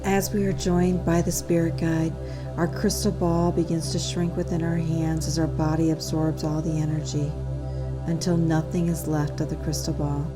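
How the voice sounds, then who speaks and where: A woman narrating a guided meditation in a calm, soothing, unhurried and measured way. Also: deep voice. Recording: New-age music under the voice. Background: New-age music.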